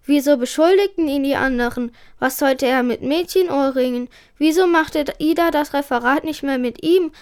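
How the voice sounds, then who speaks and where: A reader reading a children's book aloud, careful and expressive, then giving her opinion of it. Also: high-pitched, moderate pace, few pauses.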